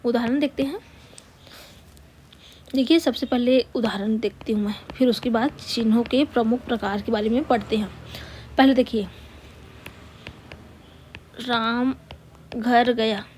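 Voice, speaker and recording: A woman gives a grammar lesson, patiently repeating key words, posing rhetorical questions, and dictating slowly, word by word, as she writes. Her voice is fairly high with a dark tone, and a faint hiss or hum sits underneath.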